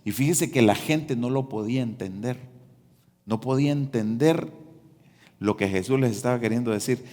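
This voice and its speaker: A male pastor preaching a sermon, calling on the congregation to repeat after him and rising into loud, emphatic passages. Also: mid-range voice, normal speed. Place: large church hall. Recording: long church-hall reverb.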